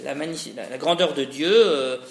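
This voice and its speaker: Speaking at a moderate pace, a man with a fairly high, creaky voice lectures academically. He drifts discursively, frequently starting over and adding "hein" tags, and the recording carries a roomy echo.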